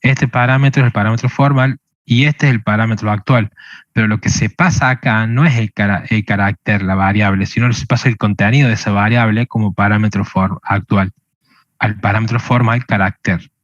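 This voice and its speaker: A man's voice: lowish voice, steady tone, a little fast, dry recording, highs cut off. A man teaching a programming lesson, explaining step by step and checking with a questioning "¿sí?" again and again. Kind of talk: screen-recorded coding lesson.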